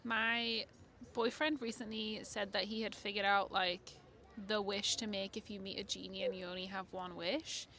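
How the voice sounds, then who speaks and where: Young English woman interviewee, crisp and sharp tone, chatty street-talk delivery. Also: mid-range voice, flat delivery, normal speed. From northeast England. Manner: chatty, laughing, lots of "like". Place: city street outdoors.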